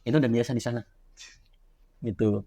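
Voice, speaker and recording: A young man rattles through a memory at a quick clip. His voice sits mid-range and animated. It is casual podcast chat, with no polish. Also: medium pitch. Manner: animated storyteller, quick and loose. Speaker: guest, horror story writer. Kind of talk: casual podcast chat, recounting a childhood experience.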